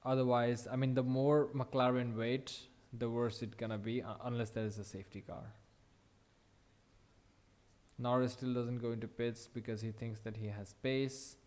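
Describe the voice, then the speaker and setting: A young man reacting live as he watches a race, thinking aloud, excited and swearing now and then. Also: mid-range voice, moderate pace. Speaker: watch-along race commentator.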